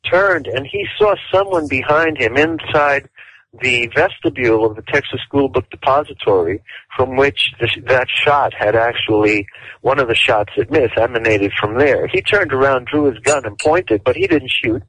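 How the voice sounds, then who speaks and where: A male interview guest explaining in detail and at a deliberate pace, with frequent fillers. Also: mid-range voice, fairly bright tone, husky, no echo. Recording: dull dry lo-fi audio.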